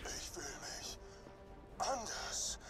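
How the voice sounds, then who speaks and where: A man voicing a gruff dwarf boss in a fantasy video game. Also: very slow. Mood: dazed, relieved. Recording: loud game music underneath.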